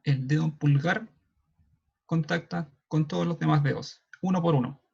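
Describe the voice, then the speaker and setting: A man with a Chilean Spanish accent explaining signs in an online class, checking in often with a quick questioning "ya". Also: a little high, gravelly, darkish tone, slightly rough. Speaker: sign language class moderator. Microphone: video call. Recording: dull lo-fi video call audio.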